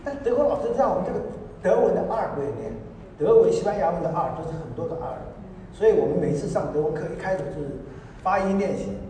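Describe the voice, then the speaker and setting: A high-voiced man preaches, telling his story in lively bursts and breaking into laughter as he mimics others. His voice carries from a distance across a big hall. The long echo lingers after each phrase. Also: quick pace, a little hiss or hum. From Taiwan. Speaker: pastor. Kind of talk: storytelling sermon. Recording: echoey hall, voice from far off.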